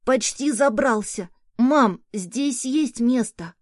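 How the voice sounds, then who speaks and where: A small boy, anxious but eager, talking in hushed, halting bursts as a woman reads him aloud. His voice comes out slow and a little raised, with a mellow, soft edge. It is the voice of a child in a storybook read aloud. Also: a little high, dry recording, studio quality, voice pushed up.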